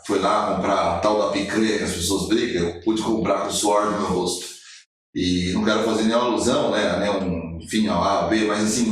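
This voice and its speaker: A Brazilian man in his forties, speaking in a somewhat low voice, recounts his life story as a guest on a podcast, where he appears as a motivational speaker. He tells it with animation, acting out the lines he quotes. He sits a little back and far from the mic in a very echoey room.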